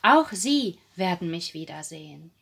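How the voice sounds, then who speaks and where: A woman reading as a gently urging Jesus. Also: fairly low pitch, big pitch swings, measured pace, creaky, husky, exaggerated voice. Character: risen Jesus, gentle and urgent man.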